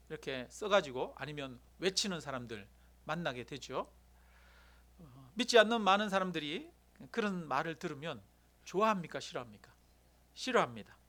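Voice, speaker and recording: A man preaching a sermon as pastor, slowing to stress key words and putting questions to the congregation. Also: on the high side, sharp tone. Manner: asks the congregation questions, addresses a member by name; slows and stresses key words, quoting voices.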